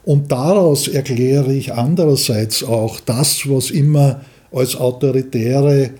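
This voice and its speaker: A man's voice: mid-range voice, slow pace, dark tone. A man in his seventies with an Austrian accent, answering as a studio guest, hesitant, with many fillers and restarts. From Austria, Vienna. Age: 70s. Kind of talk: interview answers.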